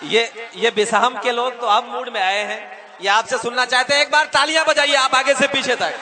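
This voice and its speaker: A man's voice: extremely high pitch, steady tone, fairly quick. A man, hosting a mushaira and calling out effusive praise to the poet. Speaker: mushaira host. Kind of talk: compering and praising from the stage. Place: outdoor stage before a crowd. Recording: noisy live crowd recording. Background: crowd and noise.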